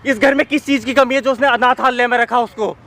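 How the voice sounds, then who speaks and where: Man acting as a bitter grown stepson, high voice, defiant, accusing, street drama. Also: fairly even intonation, brisk, a crowd in the background. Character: resentful defiant adult stepson.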